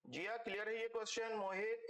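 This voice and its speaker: A high, steady, fairly bright male voice moves briskly through an online math lesson, recorded in an echoey room. He goes step by step, checks in with the students again and again, and calls them kids, "beta" and "bachcho".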